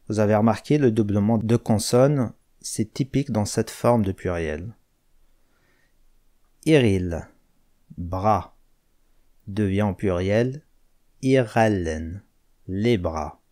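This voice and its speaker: A man with a low, dark voice gives a language lesson at a very slow, careful pace. He spells out each word and pairs it with its meaning, one at a time. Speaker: language teacher.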